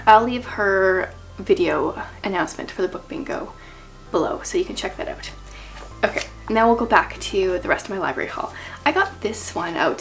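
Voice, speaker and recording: Woman with a rough, strained voice. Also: mid-range voice, rough recording. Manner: rambling, with many fillers. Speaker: book vlogger. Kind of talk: casual chat.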